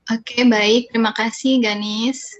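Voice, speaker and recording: A woman presenter talking casually and pausing often while she struggles to share her screen. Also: on the high side, fairly even intonation, slight background noise, low-quality recording.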